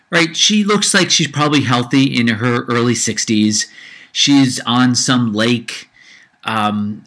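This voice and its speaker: In a casual solo podcast rant, a male host with a mid-range voice sounds pushed and bright. He has a low-grade cold that comes through slightly, and he keeps repeating himself as his heat rises.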